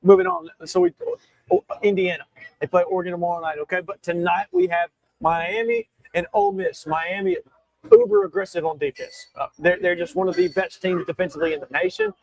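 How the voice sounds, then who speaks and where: Hiccuping through his solo sports talk show, a young host talks emphatically, often restarting and correcting himself. His high, gravelly voice swings hugely in pitch at a fairly quick pace, on a low-quality recording.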